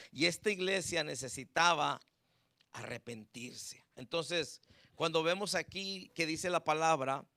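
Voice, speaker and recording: A man's voice: on the high side, bright, forceful tone, no room sound. A man preaching a conversational sermon, dropping in English words and leading a prayer. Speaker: pastor.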